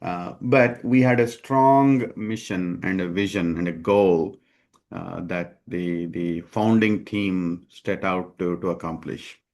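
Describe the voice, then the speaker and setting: A man being interviewed as a company founder, speaking in a measured way with many hesitations. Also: low voice, steady tone, darkish tone. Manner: measured, many ums and uhs. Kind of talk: conversational interview.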